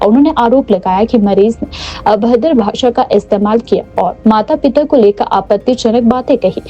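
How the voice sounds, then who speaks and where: Woman, news anchor, formal scripted reading, slightly high, mellow, dull lo-fi sound. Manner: formal, even news delivery.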